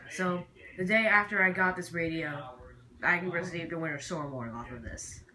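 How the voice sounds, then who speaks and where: This is a casual, halting show-and-tell from a hobbyist presenter whose voice sounds feminine, medium-pitched and sharp in tone. She rambles, and the amateur home recording is noisy.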